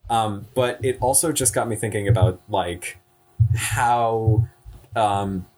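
Young man, low voice, unhurried and searching. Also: steady tone, darkish tone. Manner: slow, searching, filler-heavy. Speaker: student in a class discussion. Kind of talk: casual discussion.

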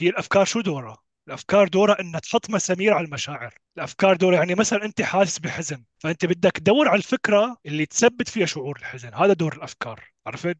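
A man's voice: on the high side, no echo. A man, co-hosting a podcast and explaining ideas emphatically with rhetorical questions. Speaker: podcast co-host. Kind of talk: casual conversation about self-help.

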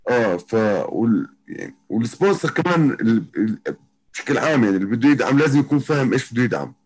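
A man's voice: mid-range voice, expressive, fast. A man from Jordan with a Palestinian-Jordanian Arabic accent, chatting casually as an interview guest and often circling back over his phrases. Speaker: interview guest, professional MMA fighter. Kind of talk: casual chat.

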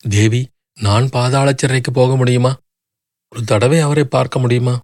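A man's voice: medium pitch, steady tone, unhurried, a little mellow, no echo, clean studio sound, natural voice. A man voicing a grief-stricken young noblewoman who pleads desperately through sobs. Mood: grieving plea.

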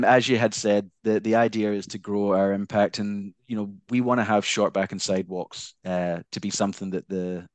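A man from Glasgow with a softened Scottish accent, answering interview questions conversationally in a hesitant way with careful enunciation. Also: on the low side, no room sound. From Glasgow, Scotland. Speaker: founder of a not-for-profit, interview guest.

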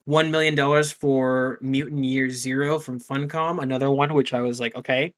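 A man's voice: medium pitch, steady tone, normal speed. A man co-hosting a casual gaming news podcast, talking loosely, swearing offhandedly and often restarting his sentences. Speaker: podcast co-host.

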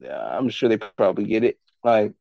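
A man's voice: on the low side, big pitch swings, a little fast, creaky, no echo, highs cut off. A man as a podcast guest in casual chat, giving blunt, profane, rambling opinions.

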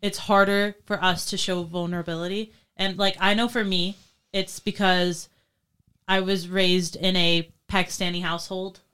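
A young woman from New York in a casual panel discussion, speaking reflectively, with her voice often dropping softer. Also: fairly low pitch, flat delivery, moderate pace, clean tone. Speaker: student panelist.

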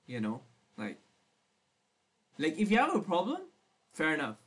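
A man's voice: a little high, huge pitch swings, measured pace, fairly bright tone, husky. A young man co-hosting a casual podcast chat, playful and teasing, swearing often. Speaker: podcast co-host.

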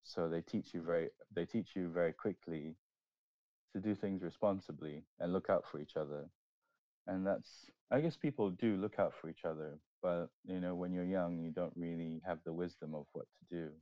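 A man's voice: sits low, warm tone, dry recording, highs cut off. A man, a DJ, chatting casually on a podcast and often stopping to restart his sentences. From Singapore. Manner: halting, with many restarts. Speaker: DJ and guest.

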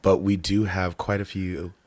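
A man's voice: low-pitched, flat delivery, normal speed, darkish tone, no room sound. A man co-hosting a casual podcast, chatting with laughs and reading online stories aloud in a laid-back way. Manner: laid-back, laughing, drag-queen banter. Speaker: podcast co-host.

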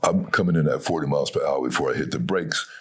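A middle-aged man from Barbados with a deep, gravelly voice, telling a long story in a relaxed conversation and acting out the people in it. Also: fast. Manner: animated, acts out the voices of people in his story. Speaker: guest, voice actor.

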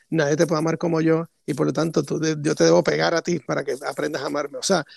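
A man's voice: fairly high pitch, creaky, darkish tone, dry recording, studio quality. A man co-hosting a podcast, reasoning through ideas in long, reflective casual talk. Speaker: podcast co-host. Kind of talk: casual philosophical discussion.

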